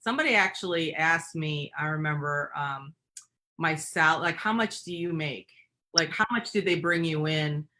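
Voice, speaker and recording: Her low voice comes across bright and forceful at a normal speed as this middle-aged woman from Michigan, USA, speaking with a Michigan accent, recounts personal stories as an interview guest, reflective and frequently using fillers.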